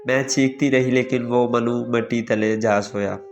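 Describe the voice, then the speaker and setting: A man narrating a sad, emotional family story in a steady, sorrowful reading. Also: medium pitch, normal speed. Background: faint background music.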